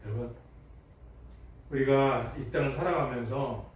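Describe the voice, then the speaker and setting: A middle-aged man preaching a sermon as pastor, emphatic and full of rhetorical questions, moving from loud bursts to hushed tones. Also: mid-range voice, a little slow. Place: church sanctuary. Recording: echoey hall, distant mic, faint noise.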